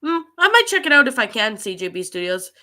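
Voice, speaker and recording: A bright-voiced woman who hosts livestreams and narrates creepypastas chats casually with viewers, reading and answering their comments while getting over a cold with allergies. Her pitch is fairly high, and she talks fast and very animatedly.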